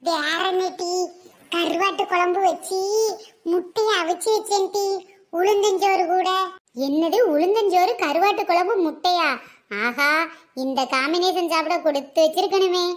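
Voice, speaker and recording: A woman's voice: very high voice, normal speed. A woman with a sore throat, voicing several village women in teasing comic banter. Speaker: comedy skit performer.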